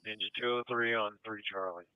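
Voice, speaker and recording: A man speaks quickly over emergency radio in a lowish voice. His responder calls are clipped and procedural. The channel is tinny and narrow. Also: fairly even intonation, clear, resonant tone, dry recording. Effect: two-way radio.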